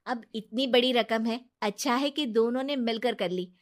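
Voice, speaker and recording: A woman voicing a trusting, earnest young wife in an animated storybook, who talks in a reassuring way. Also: on the high side, moderate pace, natural voice.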